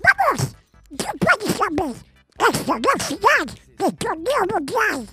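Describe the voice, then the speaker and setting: Casting: man playing a bubbly girl gamer, very high and bright, slow sing-song delivery, game music behind. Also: heavily acted. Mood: frantic. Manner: sweet and bubbly, shrieks when excited. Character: sweet, chirpy young girl gamer, cheerful and eager. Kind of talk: streaming a shooter game in character.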